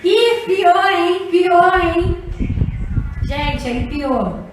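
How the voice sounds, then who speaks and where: A woman's voice: very high voice, lively intonation, drawn-out words. A woman co-hosting a casual live stream, greeting viewers by name in a sing-song, effusive way. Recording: echoey room, distant mic, noise.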